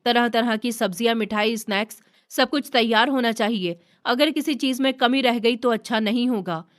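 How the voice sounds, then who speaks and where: Domineering mother-in-law, read by a woman narrator; bossy, fairly high. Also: normal speed, lightly acted. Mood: commanding. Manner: bossy, doting to her sons. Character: domineering middle-aged mother-in-law, harsh to daughter-in-law.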